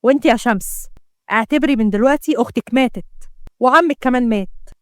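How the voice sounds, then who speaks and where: A woman's voice: fairly high pitch, fast, no room sound, clean studio sound, lightly acted. Woman doing a stern grieving Egyptian uncle. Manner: stern, sorrowful. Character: grieving stern middle-aged uncle, disowning his son.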